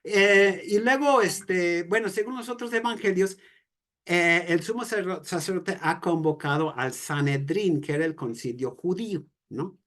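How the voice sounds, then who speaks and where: A man's voice: sits high, a little slow, fairly bright tone. A man with a Mexican accent leading an informal church reflection. He talks conversationally, asks rhetorical questions and tags sentences with "¿no?". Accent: Mexican Spanish. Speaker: Bible study leader.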